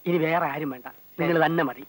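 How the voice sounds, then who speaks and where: A high-voiced, flattering schemer played by a man wheedles and coaxes in a film comedy. His voice is dry and close, and his talk is pushy and ingratiating. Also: fast talker, no echo, lightly acted. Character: fawning, fast-talking scheming man. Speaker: schemer arranging a music teacher. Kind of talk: 1990s film comedy dialogue.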